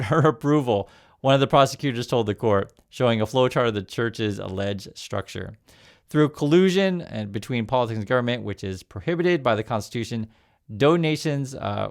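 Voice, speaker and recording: A man's voice: medium pitch, gravelly. A man in his fifties from Vietnam, raised in the USA, talking casually about the news, reading articles aloud and adding his own remarks with many fillers and restarts. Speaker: news commentator. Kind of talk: casual news commentary vlog.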